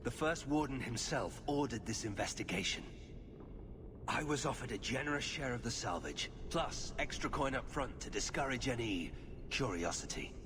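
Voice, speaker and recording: A grave, guarded fantasy warrior from a video game, acted by a man. His mid-range voice is solemn and measured. There is clear ambient noise underneath. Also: mid-range voice, expressive, natural voice. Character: grave, guarded male Grey Warden warrior.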